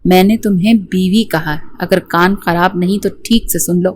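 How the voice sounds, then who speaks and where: A woman's voice: on the low side, steady tone, normal speed, darkish tone, natural voice. A woman voicing a brash young man in a romance storybook, blunt and mocking.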